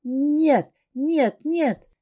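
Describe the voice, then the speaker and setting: A woman's voice: a little high, expressive, slow pace, darkish tone, voice pushed up. A woman voicing a terrified young woman in an audiobook, screaming and pleading through tears. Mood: screaming in terror.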